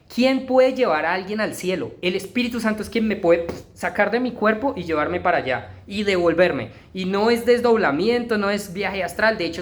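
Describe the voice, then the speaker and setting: A preacher giving a sermon, swinging between loud emphatic lines and hushed, low ones.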